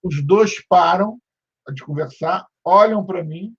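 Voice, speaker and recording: Man from Brazil, host, husky voice, dull lo-fi sound, playful, stammers. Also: high-pitched, slow. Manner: playful, acts out quotes loudly, stammers on restarts. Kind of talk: casual interview chat.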